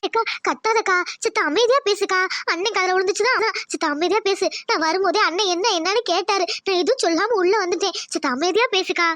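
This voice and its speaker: Woman doing a chill cartoon neighbor lady, quick and hushed, dry close mic. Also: very high-pitched, no room sound. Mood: soothing. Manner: soothing, hurried, hushed. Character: calm, reassuring village neighbor woman. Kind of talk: cartoon voice acting.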